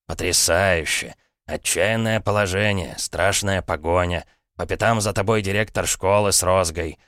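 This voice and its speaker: A man's voice: low-pitched, normal speed, fairly bright tone, dry recording, clean studio sound. A man doing a mocking middle-aged uncle. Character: jovial, mocking middle-aged brother-in-law with a shady past. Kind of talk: audiobook character reading.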